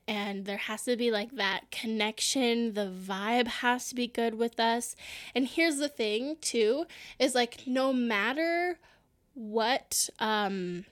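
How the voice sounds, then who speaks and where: A woman co-hosting a podcast, chatting casually in an earnest, giggly way. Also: fairly high pitch. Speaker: podcast co-host. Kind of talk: casual chat.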